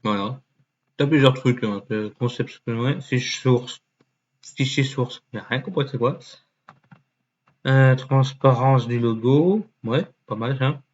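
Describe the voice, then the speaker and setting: A man thinking aloud as he clicks through a website, muttering and swearing under his breath, with many fillers and sudden jumps into a mock high voice. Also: measured pace, a little mellow. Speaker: YouTuber. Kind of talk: casual screen-recording commentary. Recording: dull lo-fi mic with faint noise.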